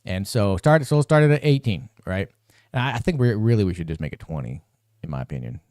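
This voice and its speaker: A man's voice: fairly low pitch, expressive, a little fast, a little mellow, no echo, clean studio sound. A man in his forties hosting a solo live-stream podcast, rambling with restarts and building into a profane, exasperated rant. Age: 40s. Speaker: podcast host.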